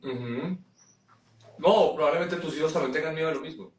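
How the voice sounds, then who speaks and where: A man's voice: on the high side, a little fast, distant mic. Reflective man, roomy echo. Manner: reflective, thinks aloud. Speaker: psychologist, guest. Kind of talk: casual family conversation.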